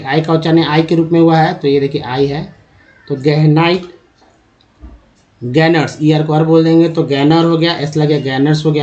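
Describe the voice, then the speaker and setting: A man's voice: fairly high pitch, a little mellow. A man teaching English reading, sounding out words letter by letter and repeating each one. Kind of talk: slow spoken lesson spelling out word pronunciations. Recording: dull lo-fi recording.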